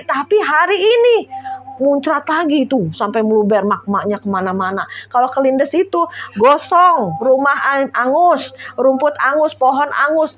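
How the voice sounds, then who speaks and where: High-voiced woman preaching casually. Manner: conversational, exhorting, checks in with listeners. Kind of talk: informal home sermon.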